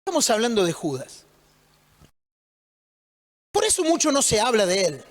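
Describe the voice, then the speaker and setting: High-voiced pastor in a hall. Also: male voice, wildly swooping pitch, moderate pace. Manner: conversational, joking, asks rhetorical questions. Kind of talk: sermon. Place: church.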